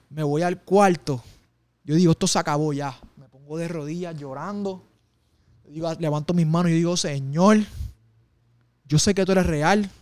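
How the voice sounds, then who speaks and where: Man, interview guest, emotional testimony, slightly high and dry-sounding. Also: darkish tone, no room sound. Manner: intense, emotional storytelling with street slang. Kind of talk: personal testimony in conversation.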